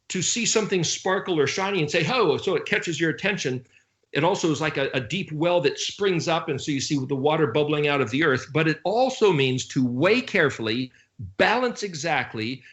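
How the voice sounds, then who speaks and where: A man giving an informal Bible study talk. He speaks in an animated way, with sarcastic asides, and slowly spells out Hebrew letters. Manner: animated, with sarcastic asides and sudden jumps in pitch. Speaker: Bible teacher.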